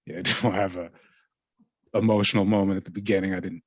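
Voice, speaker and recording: Guy hosting an interview, real deep voice, stops and starts a lot, dry close sound. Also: fairly even intonation, slightly rough, dry recording. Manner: halting, lots of "you know" fillers. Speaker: interview host. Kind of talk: casual interview.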